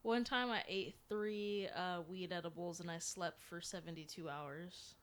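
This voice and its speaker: A woman's voice: fairly low pitch, steady tone, a little slow, fairly bright tone. A young woman co-hosting a podcast, chatting casually with dry, blunt quips. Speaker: podcast co-host. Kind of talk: casual chat.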